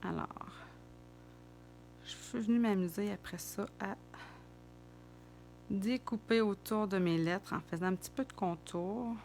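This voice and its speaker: A woman's voice: medium pitch, unhurried, long pauses, a little mellow, faint music behind. A middle-aged woman with a Québécois French accent, chatting casually and thinking aloud as she demonstrates card making.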